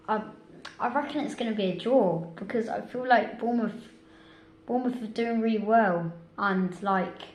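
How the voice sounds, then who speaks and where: A woman hosts a relaxed football chat, chatty and a little hesitant. Her voice is mid-pitched. The room is echoey, with faint background noise. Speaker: host. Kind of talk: casual football prediction chat.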